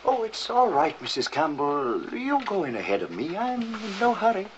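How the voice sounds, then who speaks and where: A man's voice: sits high, moderate pace. An actor playing an easygoing, polite villager waiting his turn. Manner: relaxed, polite. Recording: dull old film soundtrack with hiss.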